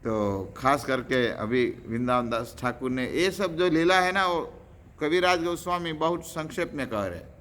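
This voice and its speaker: A man's voice: a little high, lively intonation, moderate pace, fairly bright tone. A man preaching a devotional lecture, telling stories animatedly, acting out characters and chanting verses.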